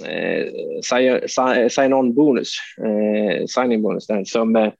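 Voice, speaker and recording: A man's voice: lowish voice, gravelly, darkish tone, dry recording, highs cut off. Rambling, swearing Swedish man telling stories. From Sweden. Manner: rambling, swears freely, many fillers. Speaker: hockey player guest. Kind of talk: casual anecdote telling.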